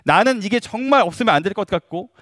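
A man's voice: high voice, lively intonation, fast, a bit bright, no room sound, clean studio sound. A man in his thirties, a pastor, preaching a sermon, asking his listeners questions and laughing lightly now and then.

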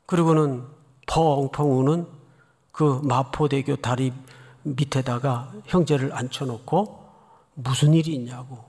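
A man preaching an expository sermon as pastor, dramatic, swinging between loud cries and hushed asides. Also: medium pitch, steady tone, unhurried, breathy edge. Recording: long hall reverb.

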